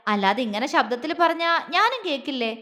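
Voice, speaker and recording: A woman's voice: sits high, expressive, normal speed, pushed and bright, big-room sound. A woman voicing a teasing, affectionate young man in a romantic audio story. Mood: playful. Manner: teasing, playful.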